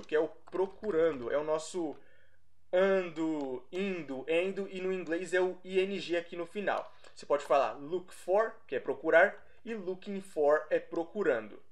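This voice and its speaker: Brazilian man teaching at a relaxed pace. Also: high voice. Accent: Brazilian Portuguese. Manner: explains slowly, repeating and self-correcting. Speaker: English teacher. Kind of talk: casual explanatory lesson.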